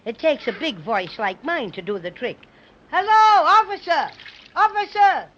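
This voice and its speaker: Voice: mid-range voice, very animated, moderate pace, slight background noise, close to an everyday voice. A performer voicing a boastful, hot-tempered stuffed toy bear in a 1930s radio drama. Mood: blustering. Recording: dull lo-fi old radio recording.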